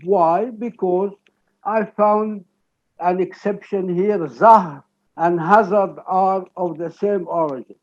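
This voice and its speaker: A man with a high-pitched voice and an Egyptian Arabic accent delivers an academic lecture, explaining deliberately and checking in with "okay?". The audio sounds dull.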